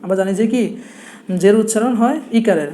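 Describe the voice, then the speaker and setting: A man's voice: high voice, fairly quick, warm tone. A young man with a Noakhali Bengali accent, teaching a blackboard lesson and patiently repeating each point with rhetorical questions. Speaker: Quran teacher.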